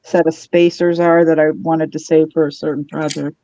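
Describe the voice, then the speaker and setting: Low-voiced woman on dull lo-fi audio. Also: moderate pace. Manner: relaxed, explanatory, lots of "you know". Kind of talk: casual chat on a live stream.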